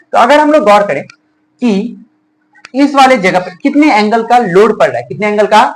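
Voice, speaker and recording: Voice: medium pitch, poor audio. A teacher giving a classroom math lesson, asking the pupils a question and then repeating the answer back to them. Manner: addresses pupils as children and dear.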